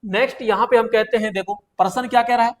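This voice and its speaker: Man with a high voice as a coaching teacher. Exam-prep lecture, chatty, repeats himself. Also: fairly even intonation, fast talker. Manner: chatty, asks students questions and answers them himself; repeats phrases for emphasis.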